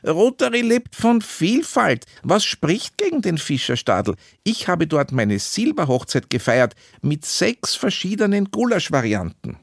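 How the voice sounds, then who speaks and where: A man reading a story, voicing an excitable club member who pleads his case in a much raised voice. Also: a little slow, vocal fry, few pauses, no echo, studio quality, full character voice. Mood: eager. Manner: excited, high-pitched pleading.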